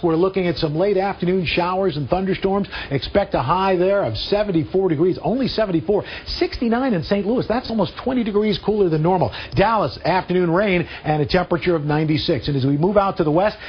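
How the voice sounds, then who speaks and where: A man's voice: sits high, slight background noise. A man hosting a morning TV show, teasing his co-hosts and reading the weather in a playful, joking way. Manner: playful, teasing, laughs often. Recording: dull lo-fi TV broadcast audio.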